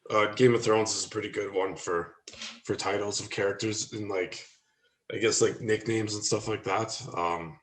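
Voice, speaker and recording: A low-voiced man chats on a podcast, stopping and restarting as he searches for his words. His voice carries a roomy echo around it. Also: fairly even intonation, moderate pace. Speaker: podcast co-host. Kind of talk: casual chat. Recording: echoey room.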